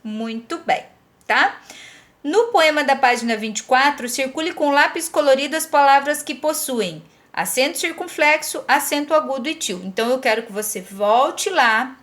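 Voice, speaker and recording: Woman, Brazilian Portuguese accent, high voice, patient teacher, checks understanding often. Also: lively intonation, moderate pace, fairly bright tone. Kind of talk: recorded classroom lesson.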